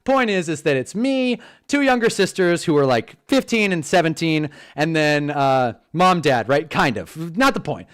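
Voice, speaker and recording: Speaking at a moderate pace with few pauses, a young man in his twenties uses a fairly high, clean-toned voice. He's a Southern Californian with the local accent, hosting a live stream and telling stories in an animated, swearing, casual way.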